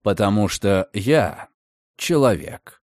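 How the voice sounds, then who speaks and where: Man doing a sly, menacing gentleman. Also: expressive, slow pace, dry recording, clean studio sound. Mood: mocking. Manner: low, quiet, drawling. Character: mocking, menacing grown gentleman, sly and cold.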